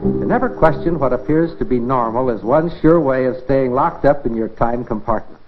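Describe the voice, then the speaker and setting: An American man presents an educational science film in a scripted 1950s style, instructing and addressing the viewer directly with rhetorical questions. His voice is medium in pitch at normal speed, with music in the background on a dull, band-limited 1950s film soundtrack.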